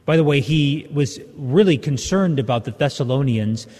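Mellow priest preaching in cathedral-like echo. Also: male voice, medium pitch, animated. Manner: conversational, halting explanatory delivery. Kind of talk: Gospel reading and homily. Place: large reverberant church interior. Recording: echoey church with long cathedral-like reverb.

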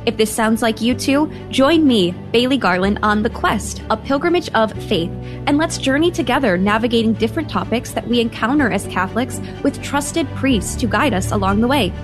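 Young woman, radio host promo, inviting tone, clear music bed underneath. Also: a little high, expressive, normal speed.

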